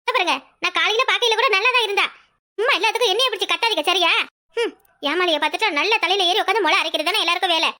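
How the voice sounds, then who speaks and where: A woman with a Kanyakumari Tamil accent trading quick, sharp-tongued lines in a comic village cartoon. Her voice is very high and bright, and she talks fast. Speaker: cartoon voice artist.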